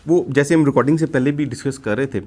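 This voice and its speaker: A man's voice: medium pitch, a little mellow. A man hosting an interview, attentive and murmuring agreement often. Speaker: host. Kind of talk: interview questioning.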